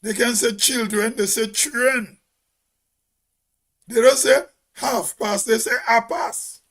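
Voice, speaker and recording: A man's voice: very high-pitched, fairly even intonation, moderate pace, a bit bright. A Grenadian man giving a spoken commentary in an emphatic, preachy way, as if on radio.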